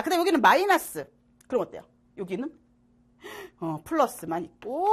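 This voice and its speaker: A woman teaching middle school science in an online lecture, playful and constantly checking that students follow. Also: on the high side. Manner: animated, asks students frequent check questions; jokey and playful.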